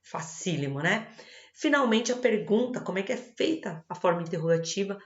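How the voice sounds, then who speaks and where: A woman's voice: mid-range voice, lively intonation, moderate pace. Patient Brazilian woman teaching grammar. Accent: Brazilian Portuguese. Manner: patient, reassuring, checks in with "tá bom?". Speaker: English teacher. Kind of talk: video lesson explaining grammar. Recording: roomy, dull lo-fi recording.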